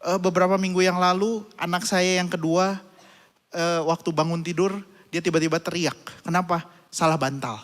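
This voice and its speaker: Recorded in a church hall with a long reverb, this male pastor's sermon includes a family story in which he voices his child and himself. His voice sits high and a bit bright, with a level tone and moderate pace.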